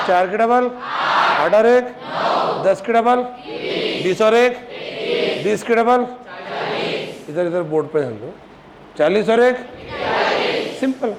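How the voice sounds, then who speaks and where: A man teaching a chemistry class in a classroom, firing repeated questions at students and scolding them when they are slow to answer. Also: high voice. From Maharashtra, India. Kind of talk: classroom lecture. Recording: noisy classroom recording.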